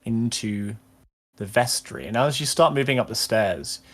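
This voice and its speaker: A man narrating as game master in a tabletop role-playing session, describing scenes with frequent pauses and fillers. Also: medium pitch, lively intonation, a bit bright.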